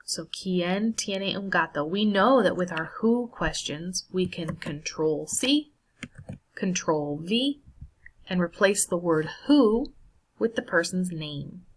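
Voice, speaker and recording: A woman's voice: fairly low pitch, lively intonation, takes it slowly, poor audio. A woman teaching a Spanish lesson while walking through a screen, patiently checking in with her students as she goes. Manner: patient, checks in with "right?" and "all right". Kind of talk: screen-share lesson walkthrough.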